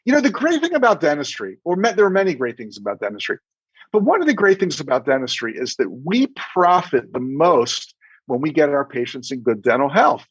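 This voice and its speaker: This podcast guest, a middle-aged dentist who coaches practices, delivers animated advice with anecdotes and imagined exchanges. His husky voice runs on the high side, very animated and brisk, recorded lo-fi with no room sound.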